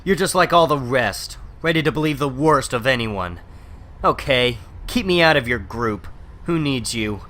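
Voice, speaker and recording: A man acting a cocky, quick-tempered teenage superhero in a dramatic comic book reading, brash and wisecracking. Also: mid-range voice, animated, bright, forceful tone. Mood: bitter, defiant.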